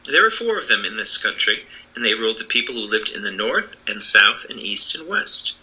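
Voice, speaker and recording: A man's voice: fairly low pitch, very animated, moderate pace, sharp tone, breathy edge, exaggerated voice, rough recording. A man voicing the Wizard of Oz as a kindly, apologetic old humbug, earnestly explaining himself in a storybook reading. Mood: confiding, explanatory. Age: older.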